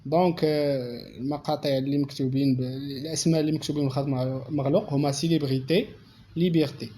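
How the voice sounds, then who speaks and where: A Moroccan man teaching a French grammar lesson, explaining slowly and repeating each word. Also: fairly high pitch, steady tone, mellow, slight background noise. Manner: slow, repetitive explanation, reading French aloud.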